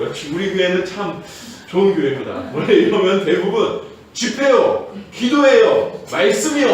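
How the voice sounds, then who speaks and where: Animated pastor preaching in an echoey church. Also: male voice, fairly high pitch, recorded from a distance, noisy background. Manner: lively storytelling, acting out shouted prayers. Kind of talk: sermon. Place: church sanctuary.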